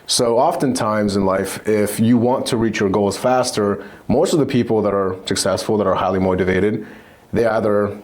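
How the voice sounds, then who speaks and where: Low-voiced male entrepreneur guest from Iraq. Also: steady tone, moderate pace, darkish tone. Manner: conversational, storytelling, repeats words. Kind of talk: casual interview.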